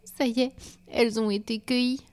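A woman's voice: mid-range voice, moderate pace, dark tone, natural voice. A woman voicing a young female night flower, hopeful and a little wistful, in a children's storybook. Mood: sad.

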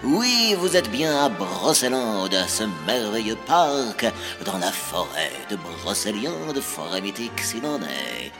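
Un homme incarnant un animateur de parc d'attractions, voix grave qui traîne, avec de la musique en fond. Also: male voice, lowish voice, big pitch swings, takes it slowly, hardly any pauses, music in the background, full character voice. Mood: showy. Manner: showy, announcing. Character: theme park ride announcer.

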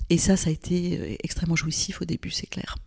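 Whispering fast at a fairly low pitch, this woman sounds creaky and slightly rough, keeping a level tone. An older Lebanese gynecologist interviewed as a guest, she speaks thoughtfully in a reflective conversation marked by many hesitations and restarts.

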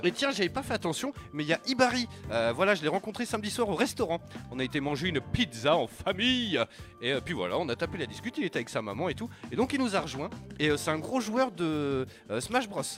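A man's voice: fairly high pitch, fast talker, over music. A man hosting a live radio show in a studio, joking and slangy with many fillers. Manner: excitable, joking, slangy and swearing. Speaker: radio host.

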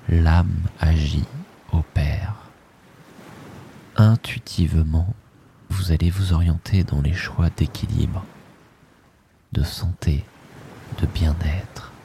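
A man with a low, gravelly voice guides a sleep meditation. His delivery is soft and soothing, drifting in short phrases at a very unhurried pace and often sinking toward a breathy whisper. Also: steady tone, a little hiss or hum.

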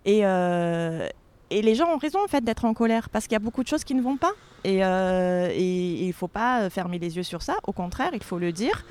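A woman's voice: mid-range voice, animated, normal speed, darkish tone. A woman from Marseille, in her thirties, talking as an author guest in a casual interview, hesitant with many fillers and restarts. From Marseille, France.

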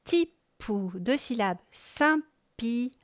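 A woman's voice: fairly high pitch, expressive, very slow. A woman hosting a podcast, explaining music lessons for children patiently and step by step, with hesitant fillers as she thinks. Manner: patient, explains step by step, addresses the listener informally. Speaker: podcast host and music teacher.

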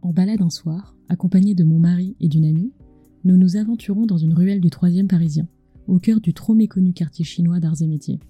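Mellow and husky, her low-leaning voice runs fairly quick, with no room sound and faint music behind. She is a culinary storyteller hosting a scripted podcast, speaking intimately close to a screened mic as if right in the listener's ear.

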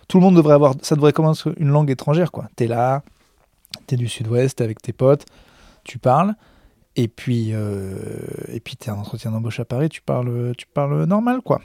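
A stand-up comedian rambling backstage in a self-mocking vlog monologue, full of hesitations, into a handheld recorder. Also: male voice, mid-range voice, expressive, normal speed, creaky, warm tone, no room sound, clean studio sound. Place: backstage room of a comedy club.

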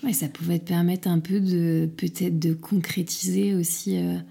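A woman's voice: on the low side, flat delivery, moderate pace, creaky, warm tone, slightly rough. A woman interviewing a guest, supporting her and summing up what she says. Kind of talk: casual interview.

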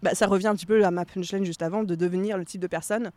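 A woman co-hosting a podcast in casual chat, animated and dropping English slang words into her talk. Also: on the low side, fast talker, no echo. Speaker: podcast co-host.

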